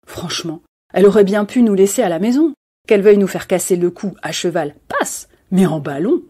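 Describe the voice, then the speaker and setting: A woman's voice: mid-range voice, animated, a little fast, warm tone, breathy edge. A woman voicing a grumbling patent-leather boot. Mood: indignant. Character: grumbling right boot, indignant.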